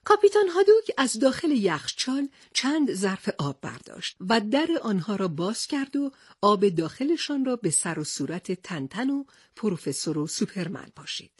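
A woman narrating a children's storybook in an expressive read-aloud manner. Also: medium pitch, husky, no room sound, studio quality.

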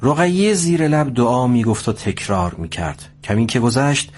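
A man narrating a scripted story at a steady pace. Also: medium pitch, a little hiss or hum.

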